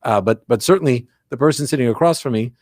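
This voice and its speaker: A man's voice: medium pitch, fast talker, darkish tone, no room sound, clean studio sound. A man speaking as a rabbi, explaining religious teaching conversationally and reflectively, often posing questions and checking in with the listener. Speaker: rabbi giving religious guidance.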